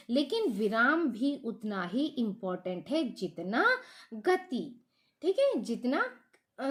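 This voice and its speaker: A middle-aged woman teacher giving a patient grammar lesson to children, asking questions and repeating the key points. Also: on the high side.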